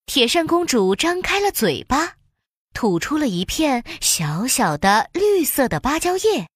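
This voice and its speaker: A woman narrating a children's storybook in an expressive, sing-song storytelling way. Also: high voice, a little slow, no room sound, studio quality.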